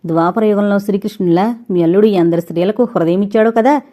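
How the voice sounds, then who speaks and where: A woman's voice: medium pitch, fast talker, warm tone, close to an everyday voice. A woman voicing a distressed middle-aged mother who speaks with bitter, tearful sarcasm.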